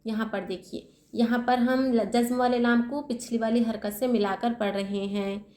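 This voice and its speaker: A woman teaching Quran recitation step by step. She asks her own questions and answers them, and she spells out letters slowly. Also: on the high side, steady tone, darkish tone. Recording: echoey room.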